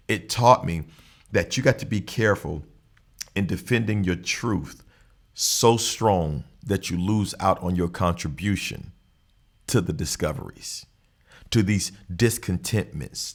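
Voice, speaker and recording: A man talks earnestly to his listeners. He delivers a reflective, preacher-like monologue and often repeats key phrases for emphasis. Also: lowish voice. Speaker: podcast host.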